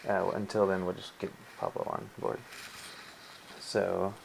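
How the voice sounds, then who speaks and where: A man's voice: low voice, sing-song, measured pace, vocal fry, poor audio. A man from the United States hosting a live stream in a casual, chatty way. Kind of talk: casual chat. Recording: faint noise on home stream.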